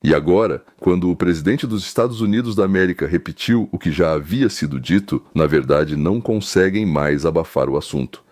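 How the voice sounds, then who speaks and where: A man's voice: low voice, animated, a little fast, hardly any pauses, no room sound, clean studio sound. A man arguing his point emphatically, with a rhetorical, speech-like delivery. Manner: emphatic, addressing listeners as gentlemen. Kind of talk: argumentative commentary.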